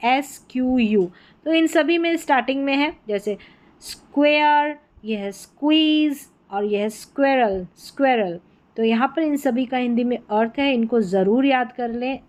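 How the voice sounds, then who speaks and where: A woman's voice: a little high, a little mellow, low-quality recording. A woman teaching an English spelling lesson, explaining patiently and repeating words so learners catch them. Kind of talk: Hindi-language spelling lesson.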